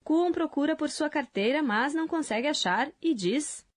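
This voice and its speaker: Lady co-host on a language lesson, kinda high voice, friendly clear reading. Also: lively intonation, moderate pace. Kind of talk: scripted lesson narration.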